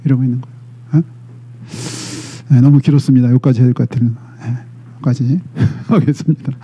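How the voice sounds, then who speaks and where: A man's voice: medium pitch, steady tone, quick pace, warm tone, breathy edge, dull audio. A middle-aged male pastor preaching a sermon, retelling a story dramatically and often prompting the congregation with "eh?".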